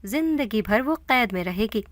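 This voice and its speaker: A woman's voice: on the high side, animated, dry recording, natural voice. Give me a woman doing a greedy scheming sister in a spoken horror tale, dry and close. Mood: smug.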